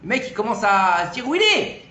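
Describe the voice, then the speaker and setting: A man with a rather high voice tells a religious story in a lively, slangy, animated way. The sound is roomy and echoey, with faint noise underneath. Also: quick pace. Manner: lively, colloquial, animated retelling. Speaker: Torah teacher. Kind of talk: casual storytelling lesson.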